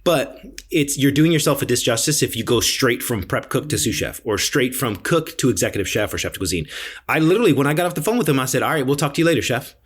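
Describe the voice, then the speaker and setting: A middle-aged man, a chef co-hosting a podcast, telling stories in a slangy, animated way and often repeating himself. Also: mid-range voice, fast talker, slightly rough. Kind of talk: casual chat.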